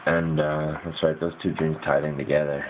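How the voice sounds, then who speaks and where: A man's voice: rumbling low, little pitch movement, normal speed. A man casually rambles through a dream he had, piecing it together in a hazy, puzzled way with informal, slangy wording. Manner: informal slangy speech with mild swearing. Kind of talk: casual rambling first-person dream recounting. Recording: muffled lo-fi mic with hiss.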